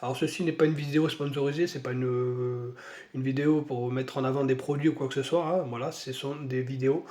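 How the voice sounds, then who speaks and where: A French-speaking man with a medium-pitched, steady, darkish voice talks a little fast while unboxing model paints in a casual video. A model-kit hobby vlogger, he has a stuffy nose from a cold and sounds hesitant, using many fillers.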